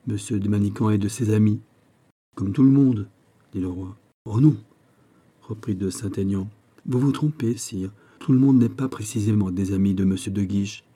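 A man with a mellow voice narrates a classic novel as an audiobook. He hints at the dialogue through small changes in pitch and level rather than doing full character voices.

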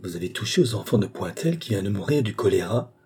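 A man voicing a blustering, cowardly gentleman in an audiobook, agitated and indignant, insisting he fears nothing. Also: on the low side, very animated, fast talker, breathy edge, heavily acted. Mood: alarmed. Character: blustering, cowardly gentleman who claims no fear. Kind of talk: audiobook character voice.

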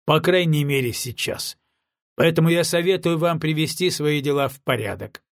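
A man's voice: on the high side, moderate pace, no room sound, clean studio sound, natural voice. A man voicing a stern, cold officer who barks curt orders.

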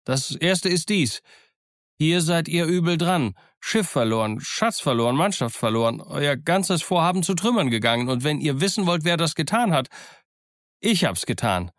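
A man voicing a defiant, excited young cabin boy in an audiobook, speaking in a fervent, declamatory way. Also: medium pitch, moderate pace, few pauses, no room sound, lightly acted. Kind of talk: audiobook character voice. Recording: dry close studio sound.

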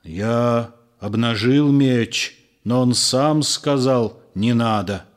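A man voicing a sullen, quick-tempered disciple who answers bluntly, in a storybook reading. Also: medium pitch, lightly acted. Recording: long room reverb.

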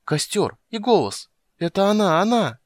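A man voicing a small, excitable and fretful kender man who talks nervously and eagerly. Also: lowish voice, quick pace, clean tone, no room sound, studio quality, close to an everyday voice. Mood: excited relief.

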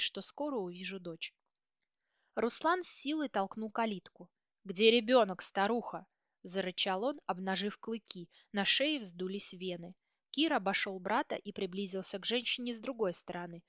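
A woman narrating a first-person story as an audiobook reader, steady and dramatic. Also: medium pitch, no echo. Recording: dull, dry audiobook recording.

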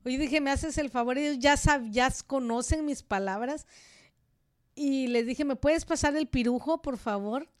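A woman from Central America with a Central American Spanish accent, co-hosting a casual radio chat and telling stories in an outspoken, animated way. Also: sits high, unhurried, smooth. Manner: outspoken, animated storytelling with asides. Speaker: radio co-host. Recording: studio radio microphone.

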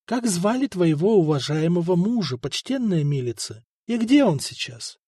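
A man's voice: sits high, very animated, normal speed, warm tone, dry recording, studio quality, voice pushed up, exaggerated voice. A man voicing a cool, condescending imperial eunuch envoy in an audiobook. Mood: coaxing. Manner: smooth, condescending, icy.

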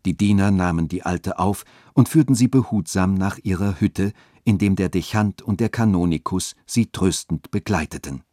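A man calmly narrating a radio story. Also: deep voice, normal speed, hardly any pauses, dry recording, clean studio sound. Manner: calm, even storytelling.

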